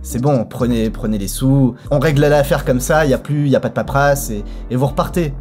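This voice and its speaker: A man's voice: medium pitch, a little fast, darkish tone, soft background music, close to an everyday voice. Man doing a brusque police officer. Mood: pushy. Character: pushy male police officer.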